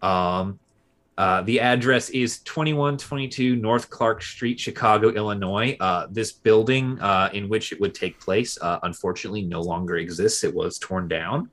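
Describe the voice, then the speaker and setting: A man with a fairly low voice co-hosting a casual history podcast. He talks in a relaxed way, often pausing on filler sounds as he retells events. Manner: relaxed, many filler uhs. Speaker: podcast co-host.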